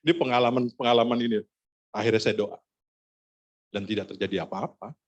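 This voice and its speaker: Animated, husky-voiced male pastor. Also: medium pitch, fairly quick, lo-fi sound. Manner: animated, self-mocking humor, acts out dialogue. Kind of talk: sermon storytelling. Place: church service.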